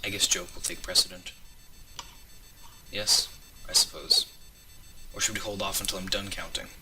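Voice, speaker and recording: In his twenties, a man hosts a Let's Play from a home room with a squeaky chair, rambling through a joke and breaking off mid-sentence to count aloud as he comments on the game. His voice is low-pitched and level, at normal speed. He sounds far from the mic, with loud music behind him.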